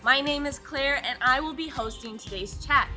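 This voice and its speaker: A woman's voice: sits high, moderate pace, sharp tone, reverberant, faint music behind. A woman hosting a discussion, reading out prepared introductions and questions. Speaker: host. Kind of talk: scripted host introduction and questions.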